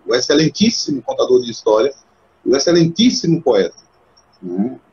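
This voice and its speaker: A man hosting a casual live chat on Bible literature, animated and acting out the voices he quotes. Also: mid-range voice, moderate pace, highs cut off. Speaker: host.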